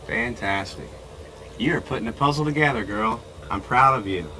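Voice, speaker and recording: A man's voice: medium pitch, moderate pace, background noise. A middle-aged man teaching a child to swim, counting strokes aloud and calling out encouragement at a pool. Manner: encouraging, counts out loud in bursts; raises voice when child's ears are under water. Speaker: swim instructor. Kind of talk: instructional coaching. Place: indoor swimming pool.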